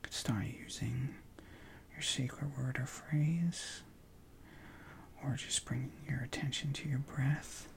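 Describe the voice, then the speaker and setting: A man leading a guided contemplative prayer session, talking softly in a hushed whisper with long pauses and relaxed, informal asides. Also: mid-range voice, gravelly. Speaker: prayer leader.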